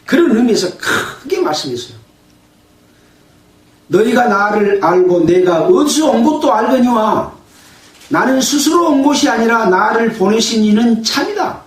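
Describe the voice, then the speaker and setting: A man's voice: extremely high pitch, lively intonation, measured pace, distant mic. A male pastor preaching a sermon. He asks the congregation questions, answers them himself, and raises his voice to act out quoted sayings. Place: church. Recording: echoey room, voice from afar.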